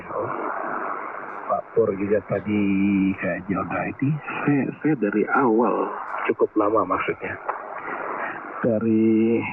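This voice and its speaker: A man chatting casually about his gear on an amateur radio net, heard over a shortwave two-way radio, relaxed and technical, handing off turns with call signs. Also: deep voice. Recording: distant, tinny, very noisy radio signal.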